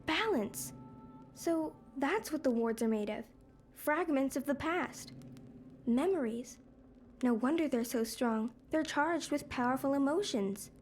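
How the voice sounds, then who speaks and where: A woman's voice: high voice, unhurried, slight background noise. An actress playing a pensive, determined young woman with magical gifts, musing to herself in a video game monologue. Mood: musing, focused. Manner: musing, thinking aloud to herself. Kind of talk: video game character monologue, thinking aloud.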